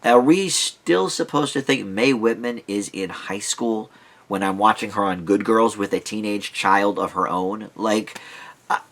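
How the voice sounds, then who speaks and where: A man's voice: fairly low pitch, measured pace, a bit bright. A man giving a casual, rambling movie review, thinking aloud and drifting into side points in a conversational way. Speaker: film reviewer.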